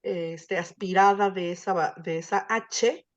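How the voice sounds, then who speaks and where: A woman's voice: fairly low pitch, steady tone, a little slow, muffled recording. A woman teacher explaining Latin grammar in an online class, patient and full of fillers.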